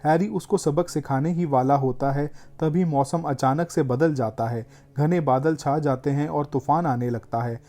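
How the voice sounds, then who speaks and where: A male narrator delivers a scripted retelling in a steady, even manner. His tone is very dark and warm, with an unhurried storyteller's flow. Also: on the high side. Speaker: film recap narrator.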